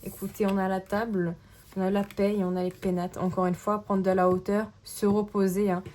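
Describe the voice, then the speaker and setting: A woman reads tarot cards casually on camera, her medium-pitched voice level in tone and brisk in pace. She stays gentle and exploratory, regularly pausing to check in with whoever is listening.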